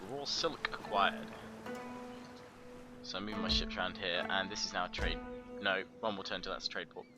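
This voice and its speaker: A low-voiced man talks his way through a strategy campaign in a loose, rambling way. He jokes at his own expense and trips over unfamiliar names, while the game's music plays clearly under him. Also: flat delivery, quick pace. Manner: rambling, self-mocking, stumbles over foreign names. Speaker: gamer narrating a strategy campaign. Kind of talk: casual let's play commentary. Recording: game music behind the voice.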